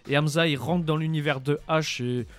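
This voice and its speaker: A man giving his take on a rap album in a casual panel chat, halting with many restarts and fillers. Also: on the high side, fairly even intonation, faint music behind. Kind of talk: casual studio debate.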